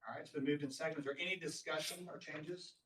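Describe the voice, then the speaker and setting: A man's voice: on the high side, fairly even intonation, a bit bright. Man chairing a meeting, distant. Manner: measured, courteous, with frequent fillers. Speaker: board chair running a public meeting. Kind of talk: formal meeting procedure, plain and patient. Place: large meeting room. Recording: roomy sound from a distant mic.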